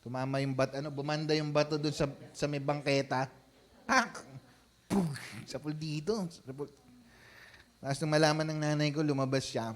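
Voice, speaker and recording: A man's voice: a little high, level tone, fast. Man preaching in a chatty style. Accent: Filipino. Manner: conversational preaching, frequent tag questions. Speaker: senior pastor. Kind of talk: sermon.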